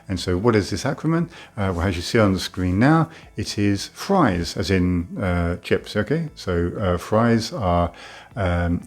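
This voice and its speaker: A man's voice: deep voice, creaky, a little mellow. A male doctor giving a frank educational talk to camera, plain-spoken and full of "uh" fillers.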